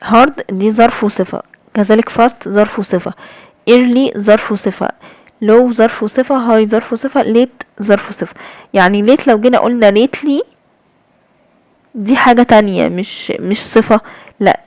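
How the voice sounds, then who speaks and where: A woman's voice: fairly high pitch, brisk, darkish tone, no echo, lo-fi sound. A young woman with an Egyptian Arabic accent, explaining English grammar step by step in a recorded lesson, with many fillers and check-ins. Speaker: English teacher.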